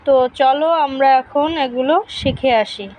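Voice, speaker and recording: A woman teaching a pronunciation lesson, reading out letter pairs and example words one by one in a slow, deliberate way. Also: sits high, steady tone, darkish tone, poor audio.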